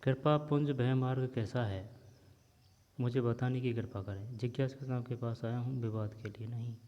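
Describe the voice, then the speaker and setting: A man's voice: medium pitch, steady tone, warm tone. Man reading a textbook story, echoey lo-fi. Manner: reads steadily, pauses to explain words. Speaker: teacher reading a textbook chapter aloud. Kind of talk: reading a story aloud with explanations. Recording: dull lo-fi sound with long reverb.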